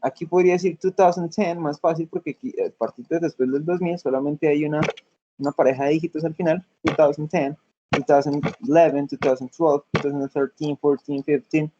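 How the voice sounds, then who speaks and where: A man's voice: on the high side, steady tone, brisk, muffled recording, noisy background. A man teaching a class, explaining patiently step by step and often checking that students follow. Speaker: English teacher. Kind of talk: classroom lesson.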